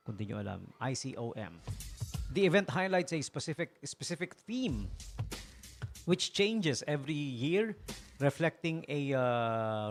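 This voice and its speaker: Lively radio DJ, chatty. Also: male voice. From Philippines. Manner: chatty, laughs often, mimics politicians in a high voice. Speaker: radio DJ host. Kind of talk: casual radio chat. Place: radio studio.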